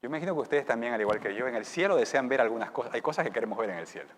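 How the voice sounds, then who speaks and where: A male pastor preaching a sermon dramatically, dropping to whispers and rising to loud exclamations. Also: medium pitch, lively intonation, very fast. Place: church. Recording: church hall with long reverb.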